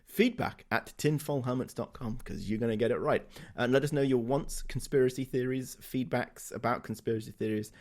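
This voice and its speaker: A man's voice: mid-range voice, a little fast, few pauses, a little mellow. Rambling man podcasting. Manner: rambling, chuckling, trips over words. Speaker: podcast co-host. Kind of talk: casual chat.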